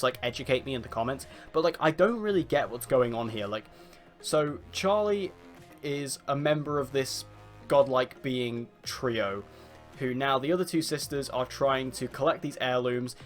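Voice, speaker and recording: A man giving a casual, rambling TV episode review, full of fillers and restarts. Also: medium pitch. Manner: rambling, filler-heavy, says "like" often.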